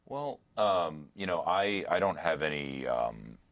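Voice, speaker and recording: A man's voice: rumbling low, lively intonation, takes it slowly, a bit bright, no room sound. A man, a trauma surgeon, answering interview questions earnestly, with many fillers and restarts. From United States.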